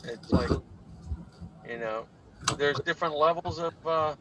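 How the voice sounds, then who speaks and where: A man's voice: on the high side, measured pace, background noise. A man in a car chatting casually over a video conference call, laid-back and drawling, often calling his listener "man". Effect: heard over a video conference call. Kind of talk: casual chat on a call while driving. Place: in a car on the road.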